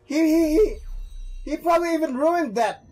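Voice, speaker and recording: A casual gameplay commentator reacting out loud while playing, cursing and grumbling at the game. The voice moves a lot in pitch, with faint game music underneath. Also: lively intonation, normal speed. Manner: reacting with swearing and complaints. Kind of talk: casual let's-play commentary. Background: game music and audio.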